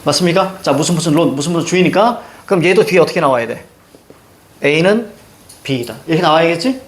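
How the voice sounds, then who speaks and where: A middle-aged male teacher runs a reading lesson in an emphatic way, checking in with the class at every step. His voice sits high for a man and swoops up and down with lively, animated intonation. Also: racing. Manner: emphatic, quizzing students with constant check-ins.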